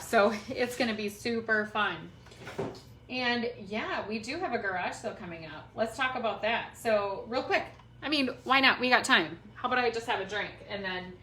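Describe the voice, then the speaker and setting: A middle-aged woman from Minnesota, United States, with a matching accent, hosts a craft livestream, chatting casually and rambling to her audience at medium pitch, moderate pace, and with a sharp tone. She's indoors in a roomy space at home, and the recording sounds roomy, with a distant mic and faint noise.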